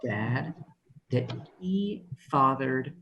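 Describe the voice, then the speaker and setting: A man in his thirties performing a rambling, deadpan stand-up comedy set over a video call, chuckling at his own jokes. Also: mid-range voice, drawn-out words, background noise. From Texas. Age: 30s.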